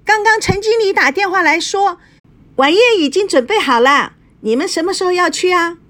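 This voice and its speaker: A woman doing a shrill, piercing young maid. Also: expressive, moderate pace. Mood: eager. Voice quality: sharp, piercing. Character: shrill young housemaid, eager and chirpy.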